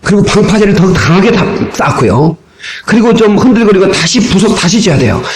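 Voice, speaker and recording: Captured on an old, rough cassette recording with a little hiss or hum, a male pastor preaches animatedly in a church sanctuary. His high voice moves briskly as he acts out little dialogues and sometimes raises his voice.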